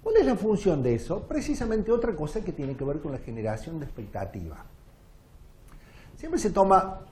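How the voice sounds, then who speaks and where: Argentine male music lecturer, high animated voice, audience-focused. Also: normal speed, slight background noise. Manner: animated, demonstrative, addresses audience with questions. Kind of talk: lecture with sung and recited examples. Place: lecture hall.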